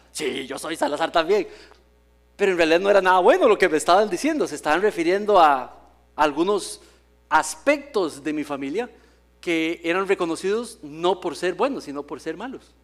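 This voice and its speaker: Guy pastor with a high voice preaching in church, jokey storyteller, does the voices. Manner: storytelling with humor, acts out quoted voices. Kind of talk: sermon. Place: church sanctuary.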